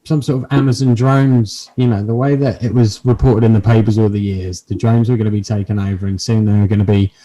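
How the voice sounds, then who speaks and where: A man's voice: lowish voice, steady tone, brisk, few pauses, dark tone, rough recording. A man chatting casually as a podcast host, with dry, self-deprecating, sweary humour. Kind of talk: casual comic chat.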